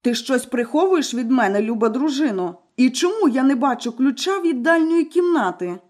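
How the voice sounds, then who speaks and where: In a menacing storybook character voice, a woman plays a cruel, domineering wealthy husband in a fairy tale, barking threats and commands at his wife. Her voice is high, expressive and darkish in tone, at a normal speed.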